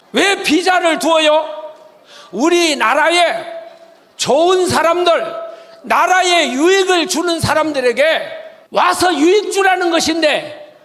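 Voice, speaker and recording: A man from the Jeolla region giving a fiery political speech to a crowd, shouting and firing rhetorical questions at the audience. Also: very high voice. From Jeolla region, South Korea. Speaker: rally speaker. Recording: reverberant hall with faint crowd.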